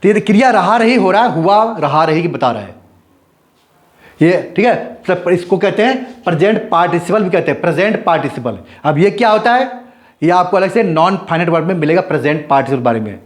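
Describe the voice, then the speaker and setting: High-voiced man teaching English grammar. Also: expressive, a little fast. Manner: repeats questions to the class, checks with "clear?"; switches between Hindi and English example sentences. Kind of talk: Hindi-language grammar lesson.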